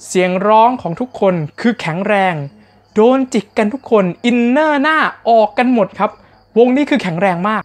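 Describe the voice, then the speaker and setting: A man's voice: high-pitched, animated, moderate pace. A man narrating a casual recap of a TV competition, speaking straight to his viewers in a chatty, polite way.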